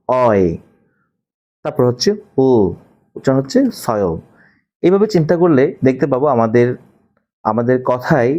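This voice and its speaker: Man, Bangladeshi Bengali accent, English teacher, steady pronunciation lesson, mellow voice, middle pitch. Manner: steady, repeats key words slowly for learners.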